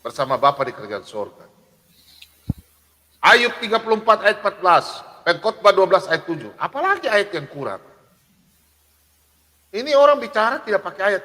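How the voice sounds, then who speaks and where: An emphatic man with a high, lively voice preaches off the cuff on a livestream. He fires rhetorical questions, reels off verse references and speaks of himself in the third person. The sound carries a long room reverb. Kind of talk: unscripted live preaching, reading scripture.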